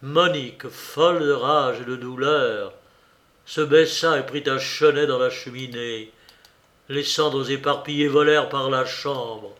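Slow, measured male storybook narrator. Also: medium pitch, fairly bright tone. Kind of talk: dramatic storybook reading.

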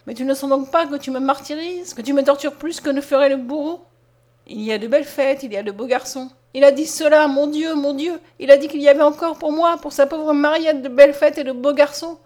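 A woman's voice: high voice, flat delivery, moderate pace, a little mellow, close to an everyday voice. A woman reading the part of a devoted nineteen-year-old peasant girl in an audiobook, pleading and tearful. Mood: anguished. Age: young adult.

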